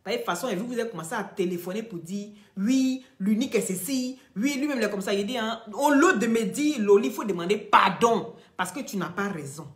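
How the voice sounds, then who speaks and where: A woman's voice: mid-range voice, lively intonation, fairly quick, few pauses, reverberant. A woman hosting a live video, speaking straight to her followers in an emphatic, lecturing way. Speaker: social media live-stream host.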